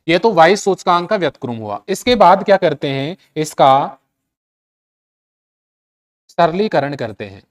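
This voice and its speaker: A man's voice: a little high, expressive, unhurried, pauses often. A man with a Hindi accent teaching chemistry in a lecture, repeating key steps and asking rhetorical questions to check that students follow. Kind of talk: classroom lecture.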